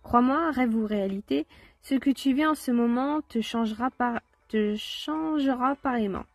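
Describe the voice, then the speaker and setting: A woman's voice: a little high, moderate pace, vocal fry, no room sound, faint music behind. A woman voicing a mysterious fairy aunt with a wand, who speaks in lofty, sage-like phrases. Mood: sagely.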